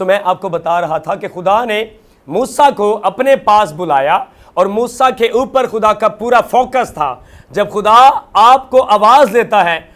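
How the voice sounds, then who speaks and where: A man's voice: high voice, a bit bright. A male pastor delivering a televised sermon with a repetitive, emphatic preaching cadence, mixing English words into his speech.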